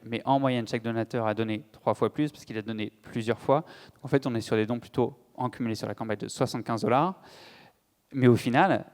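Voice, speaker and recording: A man's voice: medium pitch, a little mellow. A man giving a political conference talk, hesitant with frequent fillers and restarts. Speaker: conference speaker. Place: conference hall. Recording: long hall reverb.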